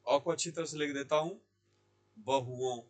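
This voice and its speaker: A man teaching Hindi grammar in a classroom lesson. He asks questions and answers them himself, repeating key words slowly. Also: medium pitch. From India. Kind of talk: classroom lesson explaining sandhi. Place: Jaipur language institute.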